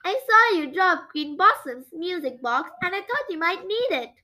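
A woman's voice: extremely high pitch, sing-song, moderate pace, sharp tone, voice pushed up, exaggerated voice. A woman voicing a friendly, helpful female sea turtle in a storybook reading.

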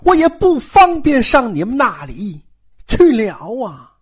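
A woman's voice: on the high side, sing-song, a little slow, breathy edge, heavily acted. A woman storyteller voicing a proud, stubborn young noble girl in a cold, aloof manner.

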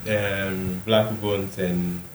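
A man's voice: deep voice, little pitch movement, very slow. A man co-hosting a podcast, chiming in with short remarks and questions. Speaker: podcast co-host. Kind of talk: casual podcast chat. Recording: echoey room with faint music.

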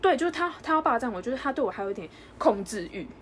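A young woman co-hosting a casual podcast, telling a story in an animated way and acting out the lines of others. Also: fairly high pitch, slight background noise. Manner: animated storyteller, quick, acts out dialogue. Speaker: podcast co-host.

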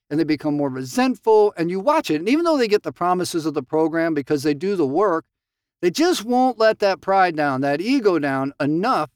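A man with a fairly high, smooth, resonant voice leads a recovery group through a reading and comments as he goes. He talks lively, voices the quoted lines, and keeps asking "right?" The sound is close and dry. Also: no room sound.

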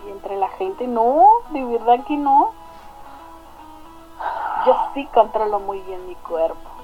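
A woman's voice: a little high, animated, slow, narrow, tinny audio, faint music behind. A woman on a radio show, talking in a prim, self-assured way. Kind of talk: casual chat.

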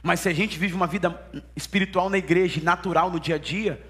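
A man's voice: high-pitched, fast talker. A man preaching a sermon, telling stories and acting out dialogue. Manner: animated storytelling, acts out dialogue. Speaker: pastor.

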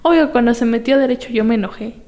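A woman's voice: a little high, racing, mellow. A young woman with a Mexican accent, a podcast guest telling stories in casual chat, full of fillers and acted-out quotes. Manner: chatty storyteller with fillers, acts out quoted voices.

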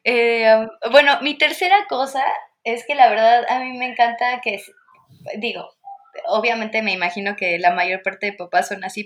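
A young woman in casual chat, easygoing and thoughtful, with trailing fillers. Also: medium pitch.

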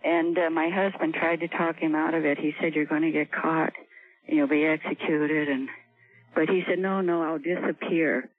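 An older woman calling in to a radio show over the phone, speaking softly and hesitantly. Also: low-pitched, steady tone, moderate pace, no room sound. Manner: soft-spoken, hesitant. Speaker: caller. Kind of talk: call-in radio talk. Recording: tinny phone line, dry.

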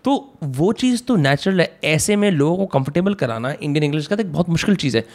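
A man's voice: a little high, lively intonation, fast, darkish tone. A man hosting a casual conversation, speaking reflectively and mixing Hindi and English.

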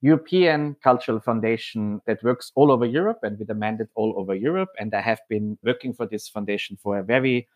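A man from Austria, head of programs at a foundation, speaking in a measured, explanatory way with occasional hesitations. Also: lowish voice. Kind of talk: podcast interview monologue.

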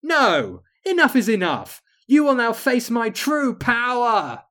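A man doing a shrill, gloating witch queen. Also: lively intonation, slow pace. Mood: outraged. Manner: melodramatic, gloating, shouting commands. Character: imperious young witch queen, theatrical villain.

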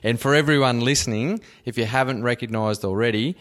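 A man's voice: mid-range voice, brisk, a bit bright. A man with an Australian accent, hosting a podcast in a casual, conversational interviewing style. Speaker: podcast host.

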